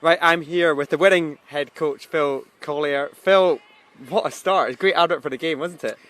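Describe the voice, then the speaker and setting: Male pitchside interviewer, a touch high-pitched, friendly, conversational. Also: normal speed, a bit bright. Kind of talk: sports broadcast interview.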